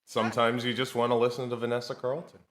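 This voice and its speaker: A man's voice: mid-range voice, little pitch movement, fast, a bit bright. A man hosting a casual livestream, making jokey, playful interjections. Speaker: podcast host.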